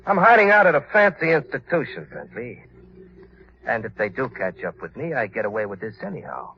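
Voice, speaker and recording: A cackling, unhinged vengeful crook. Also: male voice, medium pitch, big pitch swings, brisk, a little hiss or hum. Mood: gloating. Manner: menacing, gloating, cackling laughter. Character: vengeful, unhinged male ex-convict thought dead. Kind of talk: 1940s radio acting. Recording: dull lo-fi 1940s radio broadcast.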